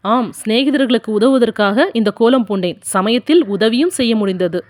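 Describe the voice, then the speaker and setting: A woman voicing a gentle male monk disguised as a king, speaking in a calm, measured way in an audiobook. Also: fairly high pitch, slight background noise, natural voice.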